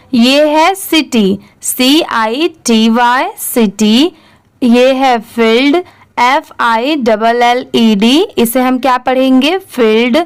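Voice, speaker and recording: High-voiced woman teaching English reading. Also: smooth. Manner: patient, repeats each word after spelling it out; asks questions to the viewer and answers them herself. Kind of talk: online reading lesson, spelling words letter by letter.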